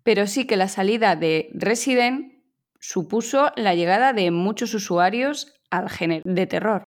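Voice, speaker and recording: A woman podcast host reading a listener's message aloud in a measured, even way. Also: mid-range voice.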